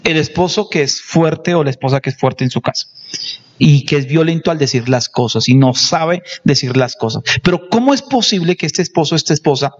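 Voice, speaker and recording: A man's voice: on the high side, animated, brisk. A man co-leading a lecture on family life, earnestly piling up examples and asking questions. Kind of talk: live lecture to an audience. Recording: dull lo-fi recording.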